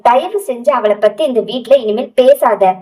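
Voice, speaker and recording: A woman voicing a young male hero in a romance story, tender but gruff, scolding with endearments. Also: on the high side, moderate pace, dark tone, far from the mic, lightly acted, low-quality recording. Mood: soothing.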